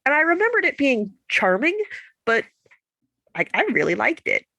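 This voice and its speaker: A woman with a lively, widely swinging voice talks casually about books. She sounds stuffed up, as if breathing only through her mouth, yet stays playful and laughs easily. The sound is dry, with no room around it. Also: fairly high pitch, moderate pace, gravelly, dry recording. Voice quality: congested, stuffy blocked-nose voice. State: nasally congested, unable to breathe through nose. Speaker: book podcast co-host. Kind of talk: casual chat.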